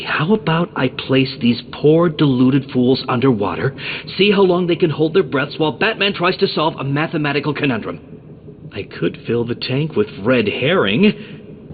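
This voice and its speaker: An actor playing an arrogant, petulant genius villain in a video game, condescending, theatrical and obsessed with riddles. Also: male voice, mid-range voice, phone-quality sound, slight background noise. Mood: obsessive, scheming.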